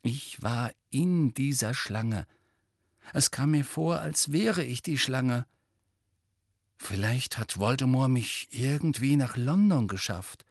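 A man's voice: mid-range voice, takes it slowly, dry recording, studio quality, voice pushed up. A man voicing a sullen, irritable teenage boy who answers stiffly and curtly. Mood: uneasy.

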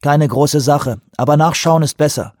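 A man reading an audiobook, voicing a relaxed dive station chief who reassures a colleague. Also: fairly high pitch, moderate pace, no room sound, clean studio sound, pitched above the performer's own voice, close to an everyday voice. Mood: reassuring. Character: middle-aged male dive station chief, easygoing.

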